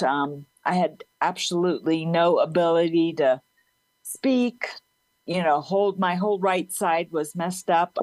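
A woman whose voice sits on the low side is interviewed as a support group leader, talking in a friendly, chatty way. She slurs a little and tends to laugh, and the recording is poor in quality though free of echo.

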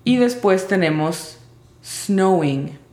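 A woman teaching English vocabulary in Spanish, spelling out each word's sounds slowly and carefully. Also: mid-range voice, expressive, darkish tone, echoey room. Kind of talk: vocabulary lesson.

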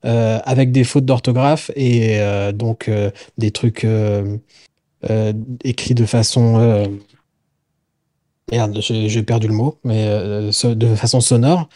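A man's voice: on the low side, steady tone, takes it slowly, warm tone, dry recording, clean studio sound. A man co-hosting a casual book podcast, rambling and searching for words, swearing now and then. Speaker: podcast co-host. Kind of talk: casual chat about books.

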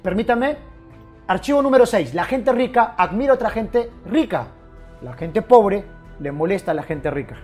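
A man's voice: high voice, lively intonation, normal speed, a little mellow, soft background music. A man giving an emphatic motivational talk, often repeating lines and speaking straight to the listener. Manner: emphatic, repetitive, addresses listener directly.

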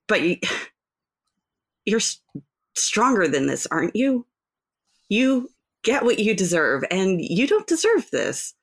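A tabletop player voicing an earnest female hero who coaxes with gentle, pleading questions. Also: medium pitch.

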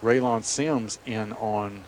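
A man's voice: on the low side, takes it slowly, darkish tone, rough recording. A man doing live play-by-play radio commentary on American football. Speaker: play-by-play sports announcer. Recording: clear outdoor stadium background noise.

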